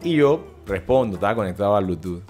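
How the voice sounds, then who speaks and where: A man's voice: fairly low pitch, animated, fast, darkish tone, soft background music. A young man with a Panamanian Spanish accent, a podcast host and fitness coach telling stories in casual, slangy chat and laughing often.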